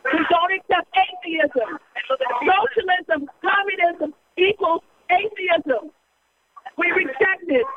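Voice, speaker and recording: A woman's voice: extremely high pitch, slight background noise. A woman giving an impassioned political speech outdoors at a street rally, emphatic and repetitive, firing rhetorical questions at her listeners. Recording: dull lo-fi recording.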